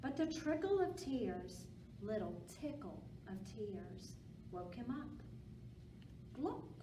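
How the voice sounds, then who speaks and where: Her voice on the high side and sing-song, a woman reads slowly to young children at storytime, speaking simply and with encouragement. The audio is captured from a distance in an echoey room with background noise.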